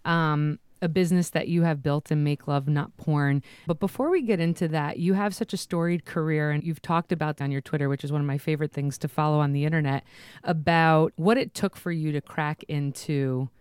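A woman's voice: deep voice, fairly even intonation, fairly quick, a little mellow, clean tone, no echo. A woman hosting an interview podcast, introducing and questioning a guest in a conversational style. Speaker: podcast host.

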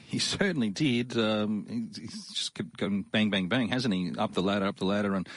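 Racing co-host: Australian man, low voice, casual sports discussion, dry studio sound. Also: animated, normal speed, dry recording. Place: radio studio.

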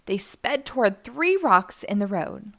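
A children's picture book is read aloud by a woman with a mid-range voice, a little slow, who brings an expressive storytelling style to it.

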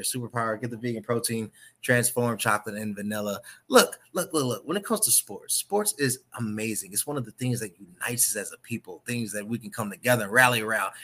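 This is a man from the Chicago area hosting a sports podcast. His voice is bright and forward, and he delivers opinionated takes with big swings between loud emphasis and quiet asides. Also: mid-range voice. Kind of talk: casual sports opinion talk.

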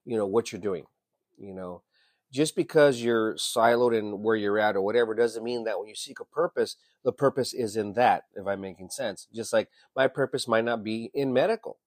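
A man's voice: mid-range voice, a little mellow, dry recording, clean studio sound. A man in his fifties who works in emergency medicine, talking through a reflective personal monologue in a rambling way. He leans on "you know", swears casually and often restarts his sentences. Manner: frequent restarts and repeated words.

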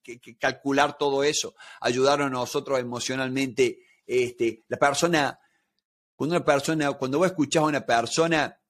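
A man's voice: mid-range voice, fairly even intonation, normal speed, a bit bright. Rioplatense man explaining with examples. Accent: Rioplatense Spanish. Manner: explanatory, talks through everyday examples. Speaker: negotiation expert guest. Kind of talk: conversational interview.

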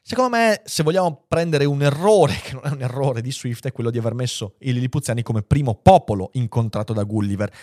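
Male channel host, mid-pitched, very lively delivery, casual lecturing and reading aloud, dry close recording. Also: a little fast, hardly any pauses, dry recording. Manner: animated, expressive, shifting pace and loudness freely. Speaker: host of a philosophy and literature channel. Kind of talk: casual spoken lecture with read-aloud passages.

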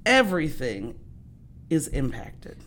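Reflective woman host, low voice. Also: sing-song, slow pace, a little hiss or hum. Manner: reflective, emphatic, asks rhetorical questions. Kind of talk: casual conversation.

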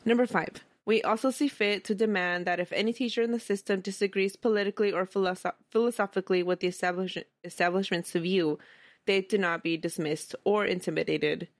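Chuckling often, a woman narrates history for her casual podcast, reading quoted documents aloud in a chatty manner. Her medium-pitched voice keeps a steady tone at a slightly fast clip, with no room sound.

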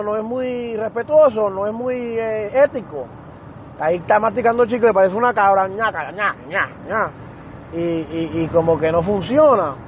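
A man with a rather high voice tells a story in a relaxed podcast monologue, slipping into the voices of the people in it. The recording sounds a little muffled, with faint car and street noise behind him. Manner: animated retelling that acts out other people's lines. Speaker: podcast host.

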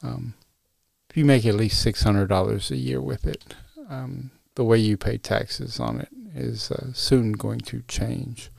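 A man's voice: medium pitch, fairly even intonation, a little slow, vocal fry, a little mellow, dry recording. A man hosting a solo podcast, chatting casually with lots of uhs and restarts. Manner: casual, many fillers and restarts. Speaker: podcast host.

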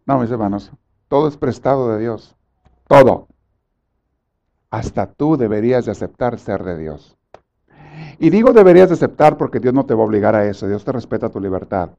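Preacher, male, fervent sermon, loud-soft swings, slightly dull recording. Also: medium pitch, big pitch swings, normal speed, vocal fry. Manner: impassioned, swings from soft to loud, acts out pleading prayers.

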